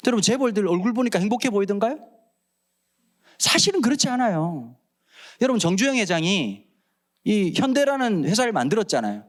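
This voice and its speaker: A pastor in his forties with a Busan accent, preaching in a church with jokes and acted-out stories. His voice sits high for a man and leaps across a very wide pitch range as he mimics children and parents. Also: a little fast, long pauses. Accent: Gyeongsang (Busan). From Busan, South Korea. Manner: animated storytelling, acts out quoted voices, jokes. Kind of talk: humorous sermon at a prayer meeting. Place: church sanctuary.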